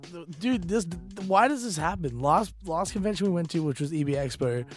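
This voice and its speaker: A young man with a hoarse, sick-sounding voice, hosting a casual podcast chat and often laughing at himself. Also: high voice, lively intonation, a little fast, faint music behind. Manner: laughs often, stumbles and restarts while joking. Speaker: podcast host.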